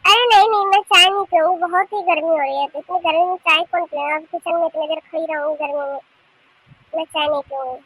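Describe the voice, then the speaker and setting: Sulky cartoon elder daughter-in-law. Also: female voice, extremely high pitch, quick pace, pushed and bright, poor audio. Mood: irritable. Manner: curt, sulky replies. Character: sulking elder daughter-in-law, jealous show-off.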